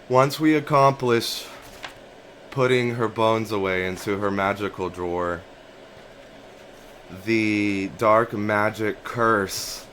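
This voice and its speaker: Male, deep and unhurried, casual dream storyteller, musing and repetitive, some background hiss. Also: fairly bright tone. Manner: musing, halting, repeats and rephrases phrases as he goes. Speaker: narrator of a personal dream journal.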